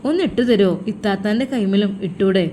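A woman's voice: medium pitch, brisk, noisy background, natural voice. A woman voicing a caring younger sister who talks earnestly and coaxes her sibling. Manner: earnest, coaxing.

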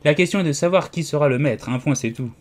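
Audiobook figure: a haughty, lecturing egg man, read by a man, slightly high voice. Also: fast, a little mellow, close to an everyday voice. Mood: smug. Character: pompous, condescending giant egg man. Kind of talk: audiobook character reading.

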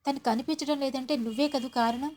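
A woman's voice: sits high, steady tone, fairly quick, a little mellow. A woman voicing an angry young man who accuses another man of hiding a missing girl. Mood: accusing. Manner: accusing, demanding.

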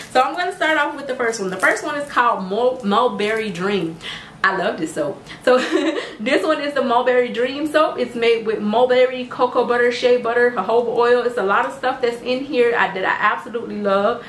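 A bubbly woman with a fairly high voice and a lilt chats casually in a home vlog. She sounds a little off-mic, and her voice rings around an echoey room. A faint ambient hum sits underneath. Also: recorded from a distance. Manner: bubbly, excitable, addresses viewers as "you guys". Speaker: skincare business owner and vlogger. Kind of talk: casual product showcase vlog.

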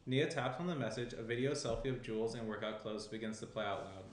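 Seated at a round table in a small room, a young man narrates a scripted screenplay in a lowish voice at a quick pace. A shared desk microphone picks him up, with roomy echo and faint noise.

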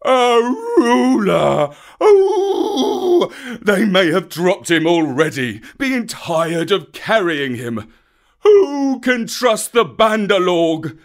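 A man's voice: sits high, a little slow, hardly any pauses, fairly bright tone, pitched above the performer's own voice. A man doing a wailing grief-stricken old bear. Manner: wailing, panting, melodramatic. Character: old male bear teacher, wailing in despair.

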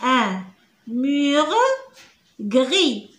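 A woman teacher with a Moroccan accent, over-enunciating as she sounds out syllables slowly and deliberately in a reading lesson. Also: high-pitched, animated, fairly bright tone. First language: Moroccan Arabic. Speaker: teacher, channel host. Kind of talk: French reading lesson, explaining step by step. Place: indoors at a table, off camera. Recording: echoey room.

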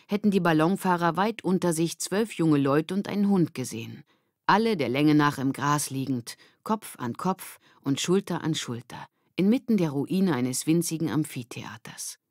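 A woman narrating a children's audiobook with calm, measured storytelling. Her voice is low-pitched and the recording is close and dry, with no room sound around it. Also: no echo.

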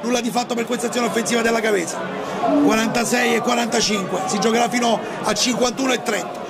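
A man's voice: extremely high pitch, fairly even intonation, quick pace. A man giving live play-by-play football commentary as a radio commentator. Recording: very noisy stadium, loud crowd. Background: loud crowd in an open stadium.

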